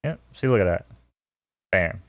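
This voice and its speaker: A man's voice: sits low, animated, moderate pace, no room sound, dull audio. A man co-hosting a live stream, chatting loosely and casually with some swearing. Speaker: stream co-host.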